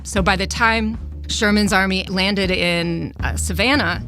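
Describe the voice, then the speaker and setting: A woman's voice: medium pitch, measured pace, bright, forceful tone, soft background music. A woman speaking as an expert historian, explaining things in an interview.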